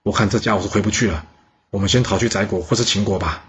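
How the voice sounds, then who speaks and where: A man's voice: lowish voice, fast, fairly bright tone, breathy edge, muffled recording. A man voicing an upright male chancellor in a historical story, plain and earnest.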